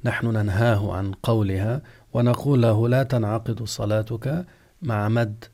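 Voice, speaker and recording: A man, an Islamic scholar, giving a religious lesson and explaining rulings slowly and deliberately, drawing out example words as he pronounces them. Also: fairly low pitch, steady tone, darkish tone. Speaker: Islamic scholar teaching jurisprudence. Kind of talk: religious lesson, question-and-answer.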